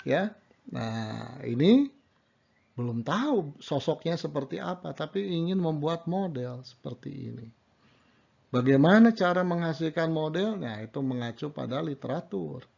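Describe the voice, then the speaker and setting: A middle-aged man lectures at a university, walking through his points with rhetorical questions and little checks like "right?". His voice has a gravelly, fry-laden edge. The recording sounds dull and lo-fi. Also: medium pitch, darkish tone. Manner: explanatory, rhetorical questions, frequent "ya" and "nah".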